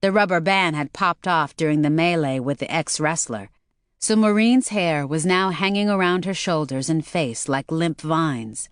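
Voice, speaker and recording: A woman audiobook narrator giving a steady, scripted storytelling read. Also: deep voice, moderate pace, clean tone, dry recording, clean studio sound.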